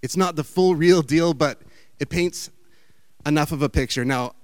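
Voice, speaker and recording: Chatty man, smooth voice. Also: a little high, normal speed, no echo. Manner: chatty, meandering, playful. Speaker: speaker giving a talk. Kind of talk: rambling storytelling talk with slides.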